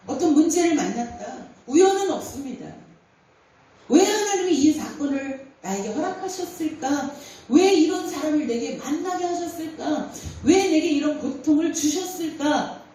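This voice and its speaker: A middle-aged woman pastor preaching a Sunday sermon in a church, emphatic, full of rhetorical questions and sudden rises in pitch. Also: animated, moderate pace, warm tone. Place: church sanctuary. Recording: echoey church hall picked up from a distance.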